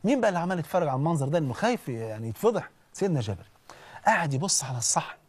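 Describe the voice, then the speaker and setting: A man with an Egyptian accent preaching in an animated, conversational storytelling way, often checking in with listeners. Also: on the high side, racing, breathy edge. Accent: Egyptian Arabic. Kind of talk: storytelling sermon.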